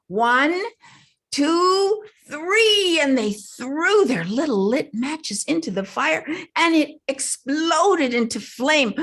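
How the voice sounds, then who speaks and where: A woman's voice: fairly high pitch, husky. Older woman telling a folktale dramatically. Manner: dramatic, hushed whispers and slow emphasis. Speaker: storyteller. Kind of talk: performed folktale storytelling. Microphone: stage mic.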